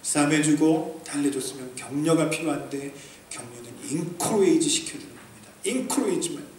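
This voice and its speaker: A man from South Korea preaching a sermon as a pastor, animated and emphatic, swinging between loud peaks and quiet asides, acting out quoted remarks with humor. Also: high voice. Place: church sanctuary. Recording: echoey distant hall recording with faint noise.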